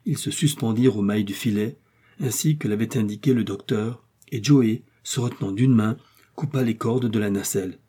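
A man reading a classic adventure novel aloud as scripted audiobook narration, in a steady, measured way. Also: on the low side, breathy edge. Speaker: audiobook reader.

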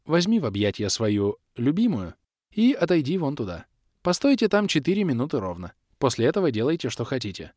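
A brash young rogue from a fantasy storybook, haggling with mocking, pushy confidence, as a male narrator plays him. His delivery leaps up and down with lively emphasis, and it is recorded close and dry. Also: on the high side, no echo, voice pushed up.

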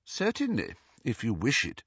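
A stern, older female professor whose words come out clipped and icily cold, in a male narrator's raised, lifted voice. Her tone is measured and sharp. The recording is dry and a touch dull. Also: fairly high pitch, wildly swooping pitch, dry recording, pitched above the performer's own voice, exaggerated voice.

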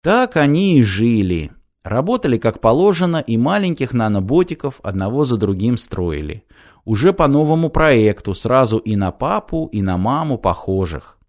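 A man reading a fairy tale aloud in a mock-solemn, expressive storytelling manner. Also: mid-range voice, moderate pace. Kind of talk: read fairy-tale narration.

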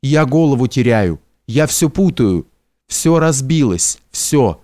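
A man's voice: medium pitch, very animated, takes it slowly, warm tone, no echo. A man reading the lines of a distraught young noblewoman, breathless and frantic, in a dry recording. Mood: despairing. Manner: breathless, frantic, half-whispered.

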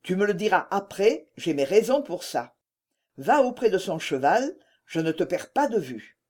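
A woman's voice: lowish voice, big pitch swings, normal speed, a little mellow. A woman voicing an honest, indignant grown peasant ploughman in a read-aloud story. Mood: earnest.

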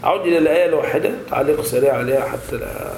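A man teaching Quran recitation, who slowly demonstrates each word and repeats it to correct pronunciation. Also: fairly high pitch, a little mellow. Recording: roomy echo with faint background noise.

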